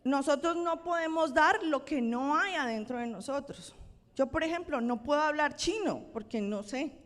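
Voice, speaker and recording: A Colombian woman pastor with a Colombian accent preaches a conversational sermon in a church sanctuary, checking in with her congregation along the way. Her voice sits high and moves at a moderate pace, carried by a long church-hall reverb.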